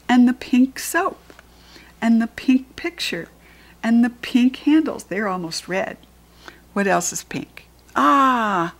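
Speaking at a medium pitch, an older woman with an American accent hosts a children's read-aloud and works as a reading teacher. She reads a picture book to young kids, pausing to ask simple questions and point out details as she teaches.

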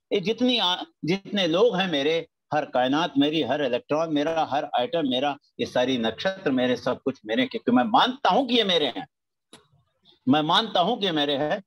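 A man's voice: fairly high pitch, poor audio. An older man from India giving a spiritual motivational talk, emphatic and repetitive, with chant-like phrases and English slogans mixed in. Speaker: motivational speaker.

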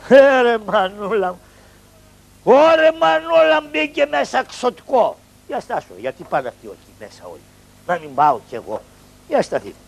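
A man voicing a scrawny, cunning, poor male trickster in Greek shadow puppet theatre, in a Greek accent, with gravelly, high, nasal chatter, on an old TV broadcast. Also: sing-song, heavily acted. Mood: nosy.

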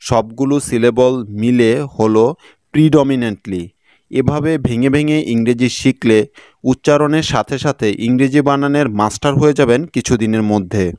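A man with a Bangladeshi Bengali accent teaching English spelling in scripted lesson narration, spelling out letters and then sounding words out slowly. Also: mid-range voice, darkish tone, clear, resonant tone, dry recording, studio quality.

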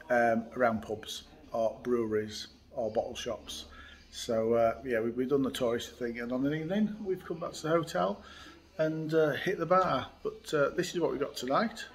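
A man, hosting a casual beer review and chatting easily with many fillers, recorded close on a phone or webcam indoors by a window. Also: medium pitch. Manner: chatty, relaxed, frequent uh fillers. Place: indoors by a window in a hotel room.

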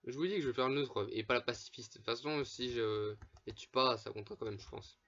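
A man's voice: mid-range voice, fast talker, fairly bright tone, highs cut off. Casual young-sounding man commenting a game. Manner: swears often, laughs, chatty asides to viewers. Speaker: gameplay commentator. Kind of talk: casual let's play commentary.

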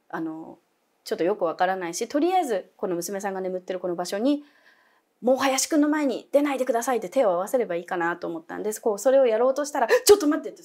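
A woman's voice: medium pitch, mellow. A young adult woman telling a ghost story as a guest, dramatic, dropping to whispers and acting out voices.

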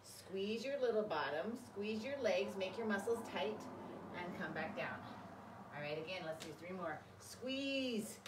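A woman's voice: medium pitch, animated, measured pace. Woman aerobics instructor, roomy and distant. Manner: encouraging, calling out short commands while exercising. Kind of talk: aerobics instructor leading a kids' workout with short cues and counts. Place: large carpeted room with high vaulted ceiling, indoors. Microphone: camera a few metres away. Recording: roomy, distant mic, clearly noisy.

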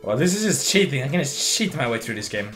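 A drunk young Swedish livestream gamer with a heavy accent rambles through casual commentary, giggling, slurring, and restarting words as he gets hoarse. His mid-range voice is fast and fairly bright, swinging widely in pitch, with faint music in the background.

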